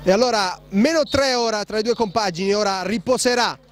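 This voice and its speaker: A man giving breathless, excitable live play-by-play commentary on a futsal match. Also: high voice, fairly quick, slight background noise. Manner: breathless, excitable, shouting on goals.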